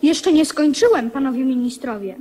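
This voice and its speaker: A young boy king speaks in a high voice with animated intonation. He is earnest and resolute, making solemn declarations in radio drama style. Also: moderate pace, husky.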